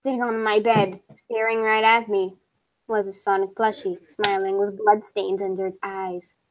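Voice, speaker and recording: A woman streaming casual chat and reading creepy stories aloud, playful and interrupting, dropping soft for spooky lines. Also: medium pitch, flat delivery, normal speed, noisy background.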